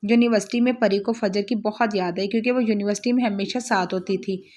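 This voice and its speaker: A woman reading a romance novel aloud as a storyteller, in steady narration. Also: mid-range voice, brisk.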